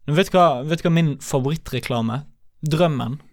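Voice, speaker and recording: A man's voice: a little high, no room sound. Man, comedy show host, rambling jokey chat, dry studio sound. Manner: rambling, joking, self-mocking. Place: radio studio. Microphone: studio mic.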